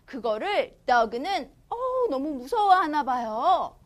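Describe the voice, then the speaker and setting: A woman's voice: sits high, animated, takes it slowly, a little hiss or hum. A woman tutor reads a children's picture book aloud and explains it in a playful, exclamatory teaching manner. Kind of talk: storybook read-aloud with explanation.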